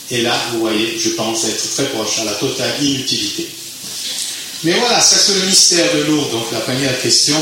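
A man from Italy speaking French with an Italian accent, giving a chatty, self-mocking talk to a youth group. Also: medium pitch. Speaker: physician guest speaker. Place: large tent at a youth camp. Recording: echoey tent with clear background noise.

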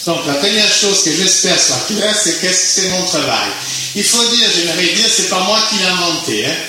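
A man's voice: high voice, expressive, moderate pace, pushed and bright. A man from Italy speaking French with an Italian accent, giving a chatty, self-mocking talk to a youth group. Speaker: physician guest speaker. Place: large tent at a youth camp. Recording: echoey tent with clear background noise.

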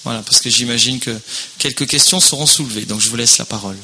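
A man's voice: medium pitch, fast, bright, forceful tone, slight background noise. A man leading a youth camp, welcoming the audience and introducing a guest speaker, with a few hesitant fillers. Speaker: youth camp leader and moderator. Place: large tent at a youth camp.

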